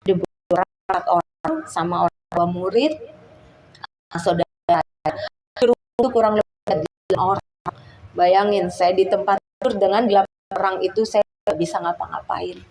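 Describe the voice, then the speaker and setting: A woman's voice: mid-range voice, normal speed, darkish tone, a little hiss or hum, low-quality recording. A woman giving a personal testimony at church, telling her story earnestly and acting out her prayers.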